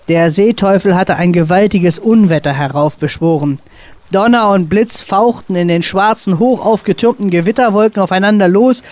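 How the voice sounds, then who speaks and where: A woman author reading a dramatic sea story aloud on a radio show, expressive and building tension. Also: mid-range voice, dry recording. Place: radio studio.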